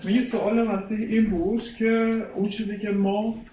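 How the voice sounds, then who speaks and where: High-voiced man interpreting a sermon. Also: level tone, reverberant, distant mic, highs cut off. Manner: hesitant, many filler sounds.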